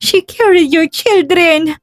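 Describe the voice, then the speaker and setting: A woman's voice: high-pitched, moderate pace, a little mellow, dry recording, clean studio sound, soft background music. A woman voicing a heartbroken, stern middle-aged mother who accuses her son through tears, then turns cold and firm. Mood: grieving, pleading. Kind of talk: dramatic storytelling.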